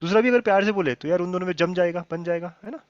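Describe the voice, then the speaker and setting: A man's voice: sits high, very fast. Male maths teacher, lo-fi. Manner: coaxing, checks in with students often. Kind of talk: live online class. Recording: dull lo-fi sound, dry.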